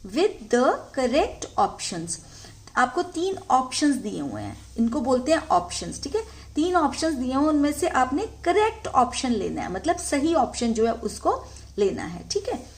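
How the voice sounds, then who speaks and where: A woman teaches young children, with a fairly high voice that rises and falls a lot. She reads each line slowly and carefully and checks in often as she goes. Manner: slow, careful reading of English lines, repeats "ठीक है" often. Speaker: English teacher. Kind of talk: Hindi-explained English lesson for young children.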